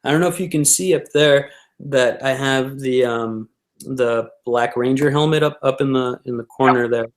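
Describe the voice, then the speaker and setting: A man's voice: medium pitch, moderate pace, echoey room, rough recording. A man guesting on an interview, chatting casually about his prop making, rambling with lots of fillers and restarts.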